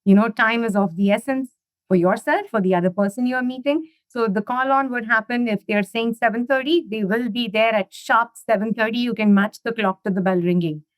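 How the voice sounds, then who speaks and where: A woman, chatting at length as an interview guest. Her voice sits a little high and is recorded dry and close. She keeps threading "you know" and "right?" through long stories. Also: brisk, no room sound. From India. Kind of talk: casual interview conversation.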